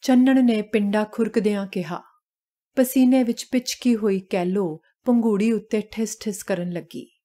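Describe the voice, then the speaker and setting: A woman narrating a short story in a calm, measured reading voice. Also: medium pitch.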